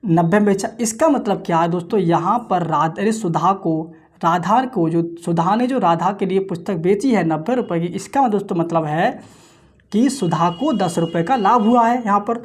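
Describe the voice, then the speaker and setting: A man teaching an exam-prep maths lecture, working sums aloud in quick times-table chants, addressing his viewers as friends in nearly every phrase, and asking questions that he answers himself. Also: high-pitched.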